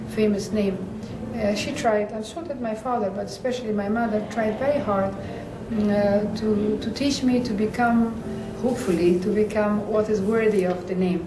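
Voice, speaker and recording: A woman's voice: medium pitch, steady tone, moderate pace, music in the background. A woman in an interview. She talks in a thoughtful, hesitant way with many fillers. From Afghanistan. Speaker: interview guest. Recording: echoey room, distant mic, background noise.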